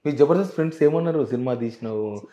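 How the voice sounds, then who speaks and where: A man, a journalist briskly prodding his guest with questions. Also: medium pitch, noisy background. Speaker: journalist interviewer. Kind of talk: interview questions. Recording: dull lo-fi interview audio.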